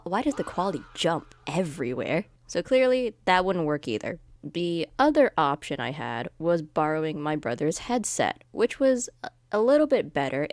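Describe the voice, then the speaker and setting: A woman talking in a monotone, rambling and self-deprecating way in a casual vlog. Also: deep voice, no echo. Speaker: video creator.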